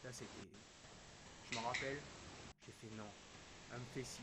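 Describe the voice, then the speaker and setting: A male streamer recounting a personal loss in halting, emotional storytelling, his voice dropping to a hush and then rising again. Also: mid-range voice, steady tone. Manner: halting, quotes dialogue, swings between hushed and raised. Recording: hissy background noise.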